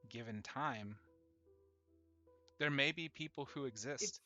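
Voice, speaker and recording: A game master narrating and answering players in a live-streamed tabletop game, with relaxed, hesitant asides. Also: mid-range voice, slow, soft background music.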